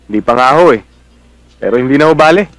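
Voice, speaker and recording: An actor playing a modest, respectful young provincial nephew in a Filipino film drama, speaking plainly with a Filipino accent. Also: male voice, medium pitch, animated, fast, no echo, close to an everyday voice, low-quality recording. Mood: sheepish. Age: young adult.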